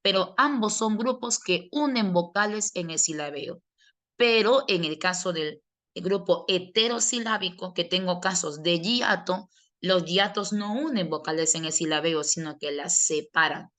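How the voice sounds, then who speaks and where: A middle-aged woman, teaching a grammar lesson to students preparing for exams. Her voice sits a little low. She explains step by step and often answers her own questions in a student's voice. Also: measured pace, a bit bright. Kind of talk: online class lecture.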